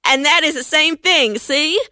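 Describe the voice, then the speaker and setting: A woman's voice: sits high, measured pace, no room sound, studio quality, voice pushed up, exaggerated voice. A woman doing a cheerful little old woman. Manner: laughing, chatty and bright.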